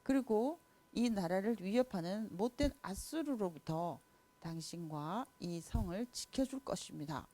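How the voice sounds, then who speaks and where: A woman voicing a grave male prophet who speaks in a low, formal, measured way in a children's Bible story. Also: lively intonation, dark tone. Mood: solemn.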